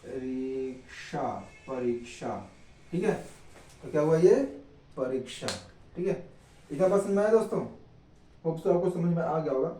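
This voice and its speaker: A man's voice: fairly high pitch, expressive, fairly quick, pauses often, mellow, reverberant, recorded from a distance, slight background noise, low-quality recording. A man teaching a grammar lesson, asking questions and answering them himself and checking in often with his students.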